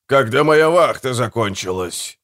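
A man's voice: mid-range voice, animated, a little slow, a bit bright. A man voicing a greedy, quarrelsome bandit brother who snaps and swears. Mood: angry.

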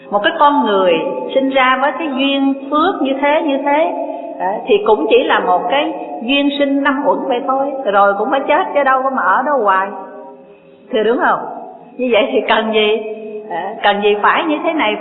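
A Buddhist dharma teacher gives an unhurried sermon, asking rhetorical questions and reading scripture aloud. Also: medium pitch. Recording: echoey hall, tinny lo-fi line, faint music.

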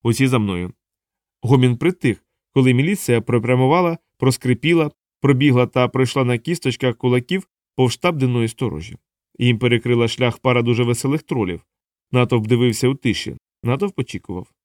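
A man reading an audiobook aloud in an even, measured narrating voice. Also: mid-range voice, no room sound, studio quality.

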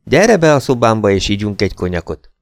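A man reading the part of a carefree young rich baron, a student, in a lively, lifted voice. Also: lowish voice, creaky, no room sound, studio quality. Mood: breezy. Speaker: character in audiobook. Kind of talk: audiobook character reading.

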